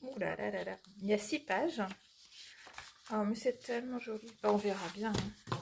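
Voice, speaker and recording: A woman with a stuffy nose from a cold, chatting casually through a craft unboxing and often dropping to a soft murmur. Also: medium pitch, normal speed, creaky, slight background noise. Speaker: cross-stitch vlogger.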